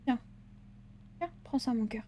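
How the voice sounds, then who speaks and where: A woman's voice: a little high, a little slow, dark tone, a little hiss or hum. A woman giving casual let's-play commentary on a horror game, chatty and jokey, talking back to the characters with slang and swearing. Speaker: gaming video creator.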